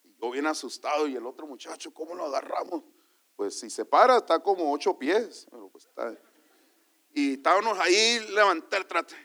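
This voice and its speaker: A man preaching a sermon as pastor, telling stories to his congregation and calling them brother, moving from quiet asides to loud exclamations. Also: a little high, lively intonation, normal speed. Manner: storytelling, calls the congregation brother.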